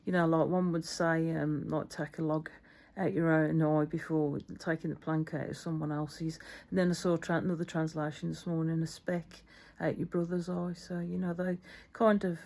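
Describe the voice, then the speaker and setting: Middle-aged woman vlogger, flat low delivery, loose and filler-heavy. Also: normal speed. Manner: rambling, many fillers. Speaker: faith vlogger. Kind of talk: casual spoken reflection.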